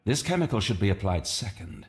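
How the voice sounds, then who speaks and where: A man's voice: on the low side, sing-song, a little fast. A man acting an earnest, formally spoken Victorian English doctor in a video game. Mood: studious. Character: earnest, concerned Victorian gentleman doctor, Holmes's companion.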